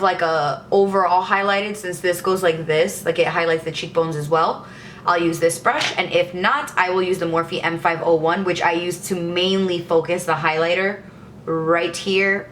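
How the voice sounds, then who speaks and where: A woman's voice: fairly low pitch, a bit bright, slight background noise. A young woman chatting enthusiastically as a beauty vlogger, showing her makeup brushes. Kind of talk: casual makeup tutorial.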